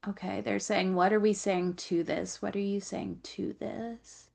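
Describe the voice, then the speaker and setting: Speaking at a measured pace with little pitch movement, a woman with a medium, creaky, somewhat dark voice channels an Akashic Records reading on a video call. She relays messages from her guides, repeats phrases, and stops to ask them things.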